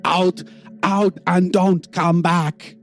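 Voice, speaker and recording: A man puts on a portly grandfather who runs a sweet shop. His voice is pitched high and swoops about, fussy and effusive, with a temper underneath, in tabletop game style. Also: huge pitch swings, normal speed, warm tone. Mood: furious. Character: portly grandfatherly male shopkeeper, sugary to customers, bad-tempered.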